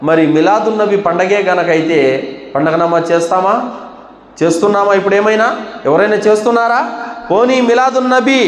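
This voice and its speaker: A man's voice: high-pitched, a little fast, echoey room, big-room sound. A man delivering a sermon as an Islamic preacher, asking rhetorical questions and rising into urgent exhortation.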